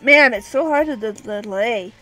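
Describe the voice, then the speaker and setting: A woman's voice: a little high, moderate pace, bright, forceful tone, faint music behind, low-quality recording. A woman in her twenties chatting and rambling casually while commentating her gameplay. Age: 20s. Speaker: let's player.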